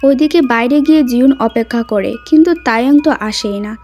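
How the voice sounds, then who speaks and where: A woman's voice: a little high, a little fast, mellow, faint music behind. A woman retelling a film as a story, reading every character's lines in her own voice. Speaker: movie recap narrator. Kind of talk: storytelling narration with voiced dialogue.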